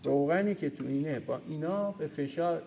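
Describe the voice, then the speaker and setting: A man's voice: on the high side, creaky, mellow, slight background noise, poor audio. A man teaching a hands-on mechanics lesson in a workshop, pointing at parts and repeating key terms. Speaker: mechanics instructor. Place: auto repair workshop.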